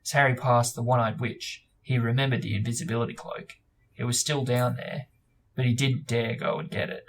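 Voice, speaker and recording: Hosting a book discussion, a man reads aloud and chats casually in loose, informal speech, hesitating and leaning on "like" and "sort of." His mid-range voice is flat and fairly quick, captured in a low-quality recording with slight background noise.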